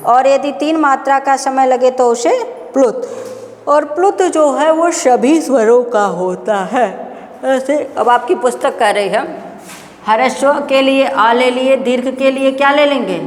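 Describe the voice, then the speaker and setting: A woman teaching Sanskrit grammar for an exam-prep class, asking questions and answering them herself, sometimes drawing out sounds in a chant. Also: high voice. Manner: drawn-out chanting of example sounds. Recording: echoey room with long reverb.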